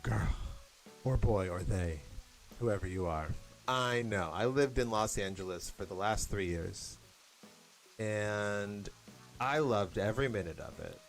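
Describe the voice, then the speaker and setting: A man's voice: on the low side, expressive, a little slow, creaky, soft background music. A young American man chatting casually and rambling while he plays a game, laughing now and then. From United States. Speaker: gaming vlogger.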